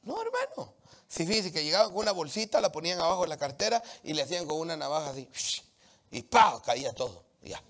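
A man from Latin America preaching a sermon, animated and emphatic, with humorous anecdotes from the street. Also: a little high, fast talker.

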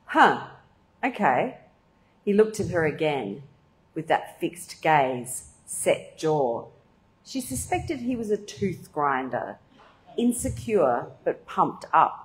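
A woman's voice: deep voice, big pitch swings, slow, slight background noise, rough recording. A woman author reading her novel aloud at a bookshop event, in a dry, wry manner.

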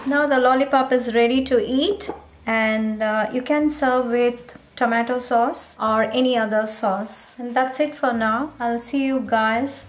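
A woman with a slightly high voice talks through a recipe at a slow, unhurried pace, giving plain step-by-step instructions. Her voice rings in an echoey home kitchen. Faint music plays behind her. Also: fairly even intonation, slight background noise. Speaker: cooking channel host. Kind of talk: cooking tutorial voice-over.

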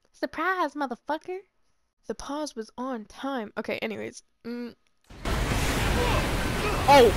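A woman giving excitable let's play commentary on a horror game, swearing, laughing and fangirling. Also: high voice. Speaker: gamer playing a horror game.

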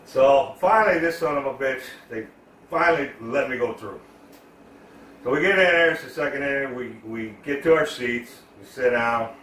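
A man's voice: medium pitch, normal speed, fairly bright tone, a little hiss or hum. A man telling a rambling, profanity-filled story in a casual style while he cooks at home. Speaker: cooking vlogger. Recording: echoey room, voice far from the mic.

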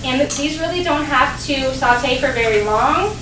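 A woman's voice: high-pitched, animated, normal speed, far from the mic. A young woman in her twenties giving a cooking demonstration in a large kitchen, explaining each step in a friendly way with frequent ums and uhs. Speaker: dietetic intern doing a cooking demo. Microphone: distant camera mic. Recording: roomy kitchen sound from afar, background noise.

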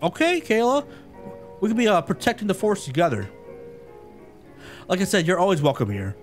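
A man streaming a game live, chatting excitably with viewers and laughing often. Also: high voice, fairly quick, soft background music.

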